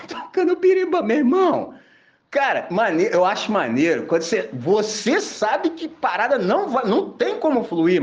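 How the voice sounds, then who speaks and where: A fairly high-voiced man preaches, his pitch leaping around as he tells funny stories full of slang. The recording sounds dull and lo-fi. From Brazil. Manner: animated storytelling, slangy and laughing. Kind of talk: sermon with anecdotes.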